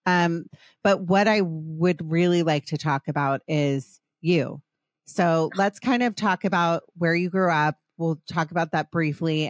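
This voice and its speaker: A woman's voice: deep voice, no echo, clean studio sound. A middle-aged woman hosting a podcast in casual chat, rambling and passionate, often restarting her sentences. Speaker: podcast host.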